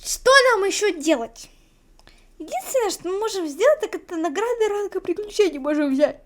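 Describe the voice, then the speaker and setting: A woman's voice: extremely high pitch, animated, brisk. A woman doing casual let's play commentary, exclaiming and muttering to herself, with game music behind. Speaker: gamer playing on camera or stream.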